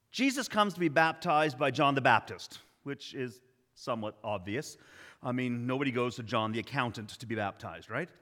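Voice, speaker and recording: Animated, wry man preaching a sermon. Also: medium pitch, in a large hall. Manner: conversational, wry asides, emphatic repetition. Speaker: pastor.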